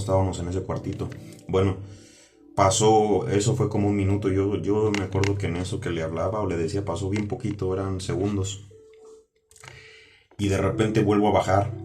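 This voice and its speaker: A man gives a personal religious testimony over music. His voice is low and keeps a narrow, even pitch. He talks in a halting way, repeats himself and keeps checking in with the listener. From Mexico. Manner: halting and repetitive, often asking "¿ok?". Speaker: testimony speaker. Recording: music playing under the voice.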